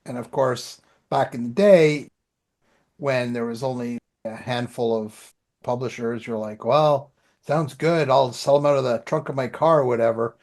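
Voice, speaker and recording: A podcast co-host who is also an author chats casually in colloquial language, telling anecdotes and often acting out exchanges he remembers. His voice is medium in pitch, a little mellow, at a moderate pace.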